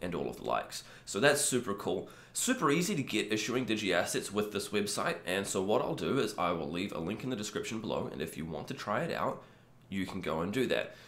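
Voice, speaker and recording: A man in his thirties with a croaky, cold-affected voice, casually hosting a screen-share tutorial in an easygoing, informal way. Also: on the low side, big pitch swings, fairly quick, fairly bright tone. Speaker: video host. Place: small room indoors. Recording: echoey untreated room.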